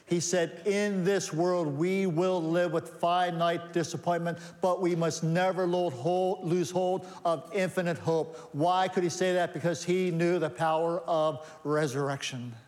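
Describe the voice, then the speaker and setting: A man with a high tenor delivers a sermon from a church sanctuary. He stacks rhetorical questions and answers them with rising emphasis, and his voice trails off in a long, echoing reverb. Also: fairly even intonation, measured pace, few pauses, a little mellow. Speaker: pastor.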